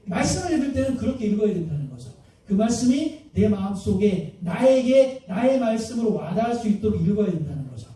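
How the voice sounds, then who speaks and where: Male pastor, high voice, mellow tone, lively preaching, heavy hall echo, mic set back. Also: fairly quick. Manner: lively, keeps asking the congregation questions. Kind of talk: sermon. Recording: very echoey hall, mic at a distance.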